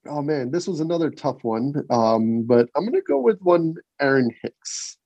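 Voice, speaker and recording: A man co-hosts a casual sports podcast, rambling and laughing as he talks. His voice is warm and mellow, and it comes through a dry, dull, lo-fi recording. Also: on the high side, very animated, moderate pace, no room sound. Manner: chatty, laughs often, rambling restarts. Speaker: podcast co-host.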